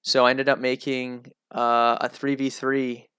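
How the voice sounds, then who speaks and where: A male host with a nasal voice, talking through a casual solo analysis show in a chatty, relaxed way. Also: medium pitch, measured pace, clean tone, no echo.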